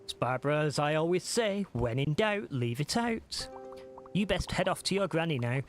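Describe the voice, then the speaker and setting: A man reading the lines of a cheerful village forager woman from a cozy game, in a brisk, folksy tone. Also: on the high side, animated, faint music behind, natural voice. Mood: chirpy.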